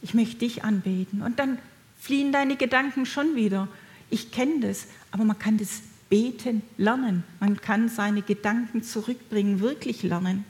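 Gentle encouraging woman preaching. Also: on the high side, normal speed. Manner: gentle, encouraging, speaks directly to listeners. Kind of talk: sermon.

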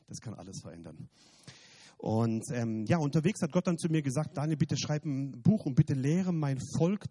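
Passionate husky preacher. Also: male voice, mid-range voice. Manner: passionate, swings from loud emphatic bursts to quiet; repeats phrases, restarts words. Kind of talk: sermon; testimony. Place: church.

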